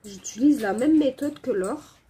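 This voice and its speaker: A middle-aged woman who makes coloring videos chats casually while coloring at home, apologizing for her cold and coughing, with many fillers and hesitations. Her voice is high, dark, slightly rough, and unhurried.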